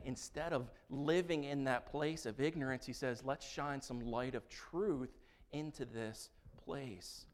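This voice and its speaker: A man preaching a sermon in an earnest, emphatic way, often repeating words as he builds his points. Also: mid-range voice. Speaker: pastor.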